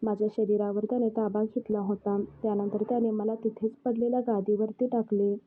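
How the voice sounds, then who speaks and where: A woman's voice: medium pitch, little pitch movement, fairly quick. A young woman narrating a first-person story in a plain, confessional way. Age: young adult. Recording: tinny phone-like sound.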